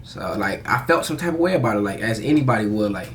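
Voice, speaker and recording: A young American man with a fairly low voice talks casually, as if confiding in viewers on a personal vlog. His delivery is candid and halting, full of slang and swearing. Some light noise sits behind the voice. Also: lively intonation, fairly bright tone. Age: young adult. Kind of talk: casual confessional vlog storytelling.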